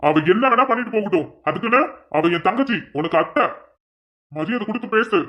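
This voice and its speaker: A woman doing a gruff, very deep older father. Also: expressive, a bit bright, lightly acted. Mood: gruff scolding. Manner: scolding, slow and heavy. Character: stern older father, elder brother, gruff. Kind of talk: cartoon voice acting.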